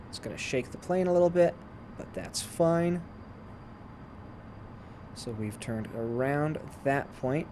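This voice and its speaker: A man's voice: medium pitch, noisy background. A man giving casual, step-by-step instructional commentary while he plays a flight simulator. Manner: explains step by step while playing. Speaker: flight sim tutorial presenter.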